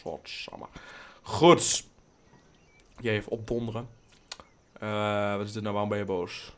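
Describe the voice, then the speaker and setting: Young man, gaming commentary, rambling, blunt, swears a lot, sudden excited outbursts, English phrases mixed in. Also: lowish voice, measured pace. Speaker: gaming channel host. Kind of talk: casual let's play commentary.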